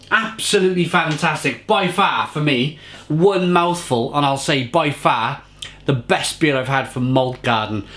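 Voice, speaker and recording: A man's voice: on the high side, a bit bright. A man giving a casual, effusive beer tasting review, often repeating phrases for emphasis.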